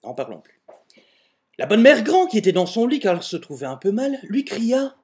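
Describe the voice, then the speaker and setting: A man with a high, very animated voice and a somewhat dark tone speaks at a normal pace. He's an amateur video maker telling a comic version of a fairy tale at home, filmed on a webcam in front of a door. He throws in mock-exasperated asides as he goes.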